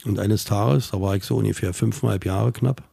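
A middle-aged man recounts his own story in an interview, blunt, colloquial and emotionally charged. His voice is deeply gravelly, dark and husky. The recording is close and dry. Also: fairly even intonation, a little fast, no echo. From Berlin, Germany. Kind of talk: personal testimony in an interview.

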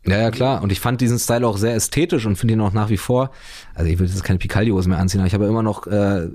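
A man's voice: lowish voice, steady tone, rapid-fire, warm tone, no room sound, clean studio sound. A man, chatting casually in a rambling, slangy way full of fillers. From Berlin, Germany. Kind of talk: casual chat.

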